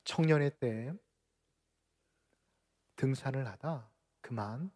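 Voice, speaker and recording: A man preaching a sermon as pastor of a church, with dramatic swings from loud cries to near-whispers. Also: medium pitch, slow. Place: church sanctuary.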